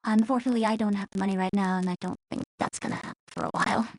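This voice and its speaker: A woman's voice: mid-range voice, steady tone, rapid-fire. A woman VTuber chatting casually on stream through a staticky voice changer that cuts out, rambling with hesitant fillers.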